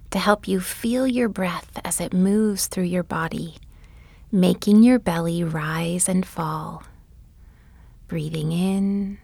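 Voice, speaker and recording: A woman guiding a bedtime body-scan meditation, speaking softly and gently, often in a whisper. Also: lowish voice, vocal fry, no room sound. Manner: soft, often whispered delivery; gentle, soothing and unhurried. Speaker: meditation guide.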